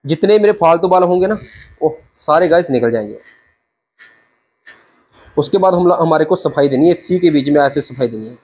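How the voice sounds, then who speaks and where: A young barber in a small shop walks the camera through a haircut step by step, chatty and brotherly, repeatedly saying "theek hai" into a clip-on lapel mic. His voice is fairly high with lively intonation and a darkish, breathy tone, and he talks at a moderate pace with frequent pauses.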